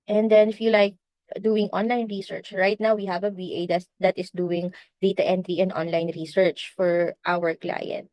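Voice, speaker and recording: A woman's voice: mid-range voice, darkish tone, dry recording, low-quality recording. A woman with a Filipino accent giving a casual online training, mixing languages mid-sentence and leaving many fillers and restarts. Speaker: virtual assistant trainer. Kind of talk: casual screen-share training.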